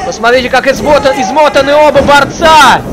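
A man doing excited live play-by-play as a wrestling commentator, calling out move names and drawing out key words. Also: very high voice, brisk. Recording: crowd noise of a live event. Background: live wrestling crowd.

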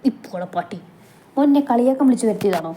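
A woman's voice: a little high, animated, fast talker, warm tone, a little hiss or hum, natural voice. A woman voicing a distraught young woman in love, who speaks in a pleading, tearful way. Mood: teasing annoyance.

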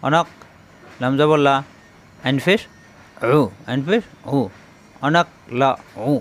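A man teaching Quran reading, spelling Arabic letters out one syllable at a time with slow, patient drilling. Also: a little high.

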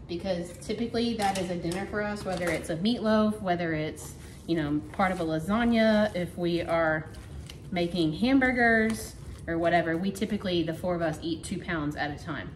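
A woman's voice: on the low side, normal speed, a little hiss or hum. A middle-aged woman chatting casually as she cooks in her home kitchen, thinking aloud as she works. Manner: chatty, talks while working, thinks aloud. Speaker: home cooking vlogger. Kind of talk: casual cook-along narration. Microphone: camera on counter. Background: clatter of dishes and pans.

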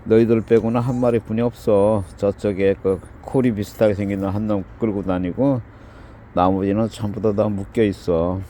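A man's voice: lowish voice, steady tone, normal speed, warm tone, slight background noise. A man giving casual running commentary outdoors before dawn, chatting, scolding and cooing at animals in turn. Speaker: video host.

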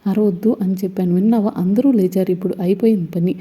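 A woman's voice: mid-range voice, fairly even intonation, quick pace, dark tone, slightly rough, close to an everyday voice. A woman voicing an irritated young husband who snaps short, bossy orders.

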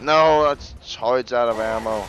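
A man giving casual gameplay commentary, excitable and jokey, with frequent exclamations and swearing. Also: medium pitch, measured pace, slight background noise, poor audio. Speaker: gamer narrating a let's play.

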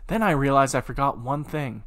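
A man's voice: medium pitch, brisk, a bit bright. A man reading computer-written stories aloud at his desk, amused and laughing between lines. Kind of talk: casual reading with commentary.

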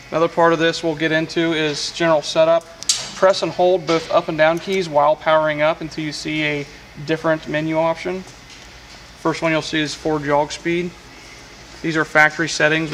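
A welding equipment technician walks through a machine's control panel in a workshop, plain and matter-of-fact with frequent fillers, recorded on a camera mic. His slightly high, fairly bright voice is flat and moderately paced. The hands-on demonstration has low-quality audio with slight background noise.

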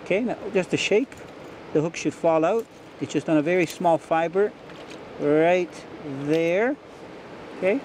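A middle-aged fishing host narrates on location beside a mountain river, enthusiastic and explanatory. His voice sits a little high for a man. Steady outdoor water noise runs underneath.

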